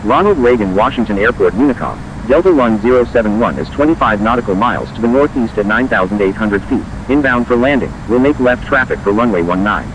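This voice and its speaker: A man's voice: mid-range voice, lively intonation, brisk, long pauses, heavy background noise, pitched below the performer's own voice. A man playing an airline pilot making formal radio calls over a cockpit headset, clipped and procedural. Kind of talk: formal aviation radio phraseology.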